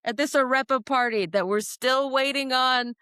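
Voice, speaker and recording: Woman co-host, slightly high voice, playful and chatty, dry close sound. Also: normal speed, bright, forceful tone, clear, resonant tone, dry recording. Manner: laughing, teasing, helpful. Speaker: podcast co-host. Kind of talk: casual chat.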